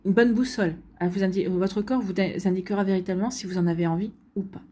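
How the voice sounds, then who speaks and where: A woman's voice: medium pitch, fairly even intonation, fast, warm tone. A woman doing a tarot reading for her viewers, talking straight to them with many fillers and restarts. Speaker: tarot card reader. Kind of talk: spontaneous tarot reading to camera.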